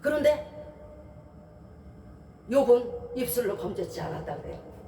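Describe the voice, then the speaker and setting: A woman's voice: on the high side, big pitch swings, measured pace, mellow, distant mic, slight background noise. Woman pastor preaching in a roomy church. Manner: conversational, asks many rhetorical questions; briefly acts out the voices of people in stories. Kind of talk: Sunday sermon. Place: church sanctuary.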